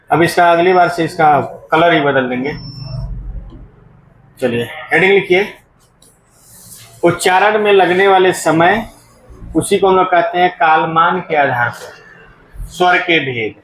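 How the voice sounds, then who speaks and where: Slow, high-voiced teacher quizzing his class. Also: fairly bright tone. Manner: asks the class questions and answers them himself, repeats key terms. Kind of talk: classroom grammar lesson. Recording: echoey classroom.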